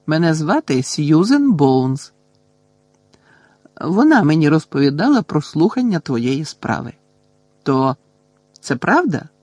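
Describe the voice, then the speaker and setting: A man voicing a curious schoolgirl who speaks slowly and carefully in an audiobook. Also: on the high side, very animated, darkish tone, no echo, voice pushed up, exaggerated voice. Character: curious schoolgirl with a long braid.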